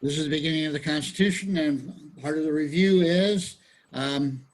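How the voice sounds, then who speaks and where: A man's voice: on the high side, normal speed, poor audio. A man leading a casual study group discussion on a video call, rambling with many restarts and fillers.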